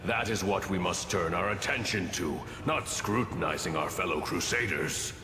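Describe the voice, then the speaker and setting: Man acting earnest grave crusader, fantasy game, low voice, formal oratory, strong echo. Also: normal speed, close to an everyday voice. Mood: urgent, earnest. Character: grave, devout male crusader, brooding and earnest. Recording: echoey hall with noisy ambience.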